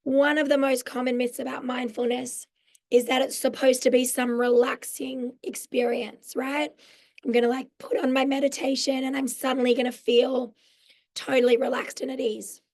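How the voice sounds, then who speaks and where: On a video call, a woman in her forties with an Australian accent, a mental health social worker, leads a live online mindfulness workshop despite a hoarse, croaky, lost voice. Her high-pitched, slightly mellow voice is flat and at normal speed, and she explains amiably, frequently saying "um".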